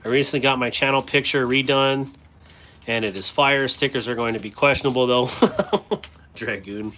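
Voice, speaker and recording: A man's voice: medium pitch, steady tone, moderate pace, bright, forceful tone. A man hosting a casual livestream, rambling to his chat while sorting stickers and gear at a cluttered workspace. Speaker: livestream host. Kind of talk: casual live-stream chat.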